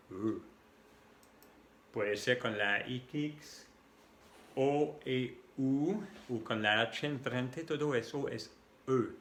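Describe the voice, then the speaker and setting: French-accented male tutor, unhurried, roomy echo. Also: mid-range voice, a bit bright, a little hiss or hum. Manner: spells out letters and repeats sounds patiently. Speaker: French teacher. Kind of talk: slow language lesson.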